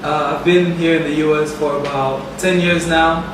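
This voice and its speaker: A man's voice: a little high, fairly even intonation, normal speed, background noise. A man in his twenties from Cameroon, introducing himself in a brief, matter-of-fact way. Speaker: interviewee. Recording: very echoey room, mic set far off.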